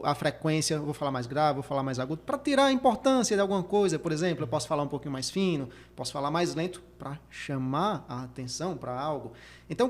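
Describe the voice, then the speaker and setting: A man from Brazil hosts a motivational career podcast. He talks quickly in a fairly high voice and hammers his points home by repeating them. He sometimes shows off changes of tone as he explains how to speak well. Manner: emphatic, repeats key points, demonstrates vocal techniques. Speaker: career coach and podcast host.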